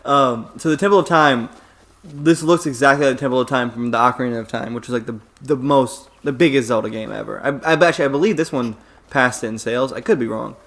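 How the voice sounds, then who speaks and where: A man's voice: medium pitch, fast, a bit bright. A young man hosting a let's play, explaining the game to a friend in rambling, casual chat, swearing freely and laughing often.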